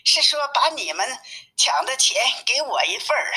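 A woman voicing a bold, brash male monkey king who talks loud and cocky in a storybook reading. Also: sits high, very animated, a little slow, vocal fry, pitched above the performer's own voice, exaggerated voice, rough recording.

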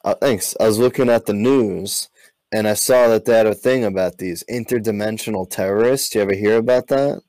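A man telling deadpan one-liners in casual podcast chat and laughing at his own jokes. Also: lowish voice, fairly quick, dry recording, rough recording. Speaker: podcast guest comedian.

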